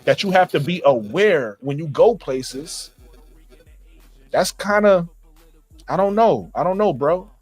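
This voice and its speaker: A man's voice: on the high side, expressive, slow pace, pauses often, husky, faint music behind. A man from Brooklyn with a New York accent, talking emphatically in a casual group discussion, repeating phrases and calling people bro.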